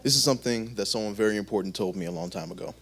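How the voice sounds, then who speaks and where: A man giving an earnest, measured spoken monologue on stage. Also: on the low side, a bit bright, slightly rough.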